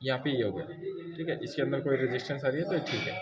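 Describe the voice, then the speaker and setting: A man's voice: mid-range voice, fast, lo-fi sound. A man demonstrating car repair step by step in a workshop class, often checking in with his students. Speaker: auto mechanic instructor. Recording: echoey room with crowd noise.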